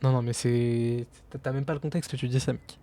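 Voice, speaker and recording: A man's voice: medium pitch, fairly even intonation, normal speed, dark tone. A young adult man, chatting casually and bantering in slang while gaming. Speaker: streamer.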